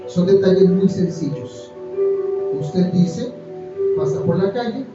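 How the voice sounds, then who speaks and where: A pastor preaching a sermon, firing rhetorical questions and reading scripture aloud. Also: male voice, high-pitched, lively intonation, takes it slowly, over loud music. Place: church hall. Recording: distant echoey church recording, dull.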